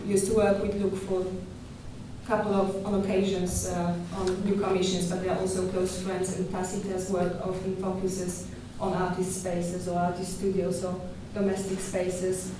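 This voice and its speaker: A woman's voice: fairly low pitch, monotone, distant mic, noisy background. Young woman lecturing in an echoey hall. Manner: measured, thoughtful, with hesitations and restarts. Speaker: curator giving a talk. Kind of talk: conference presentation. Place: dark lecture hall at a podium. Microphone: podium microphone.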